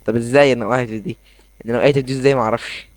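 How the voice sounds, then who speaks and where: Young man, Egyptian accent, gameplay commentary, excitable, rambling, very fast, dry room. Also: medium pitch, no room sound. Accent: Egyptian Arabic. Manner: excitable, rambling, quick asides. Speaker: gaming YouTuber. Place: his bedroom at home.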